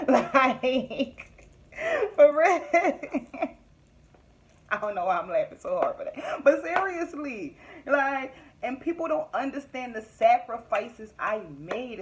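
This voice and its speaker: Young woman vlogger, candid and emphatic, casual motivational talk with frequent laughter. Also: a little high. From Philadelphia area, US. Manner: candid, emphatic, laughs often, repeats points. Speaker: vlogger and business owner.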